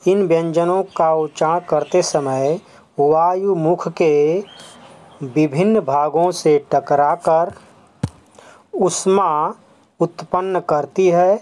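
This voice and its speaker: A school teacher walks through a grammar lesson at an unhurried, deliberate pace, at a middling pitch. Each term is said twice, with English words slipped in. Questions are put to the class and answered straight away. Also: darkish tone. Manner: explains step by step, repeating each term; asks the class quick questions and answers them. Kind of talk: classroom lesson on letters and sounds.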